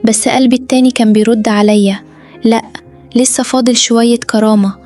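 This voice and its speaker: Fast, earnest Egyptian woman storyteller. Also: a little high, fairly even intonation, a little mellow. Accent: Egyptian Arabic. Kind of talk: scripted first-person story narration. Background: faint background music.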